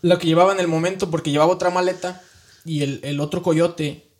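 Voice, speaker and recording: A man with a Mexican accent recounts his life in an interview. His voice sits on the higher side, and his talk is earnest and colloquial, full of tag questions and restarts. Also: fairly even intonation, fairly quick. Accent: Mexican Spanish. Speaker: guest. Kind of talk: emotional personal storytelling.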